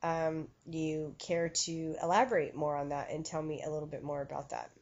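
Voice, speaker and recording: A woman's voice: low-pitched, little pitch movement, normal speed, a little mellow. A woman medium talking through a channeling session, chatty and self-conscious, full of fillers and restarts. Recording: dull lo-fi recording.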